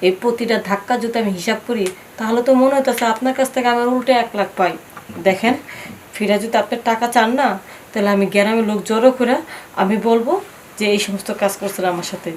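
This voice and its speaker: A woman's voice: on the high side, steady tone, quick pace, close to an everyday voice. An actress playing a worried village wife in debt, pleading politely with her lender. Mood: defiant. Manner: pleading, polite, addresses him as brother. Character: indebted village wife, anxious then defiant. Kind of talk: TV drama acting. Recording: distant mic with faint noise.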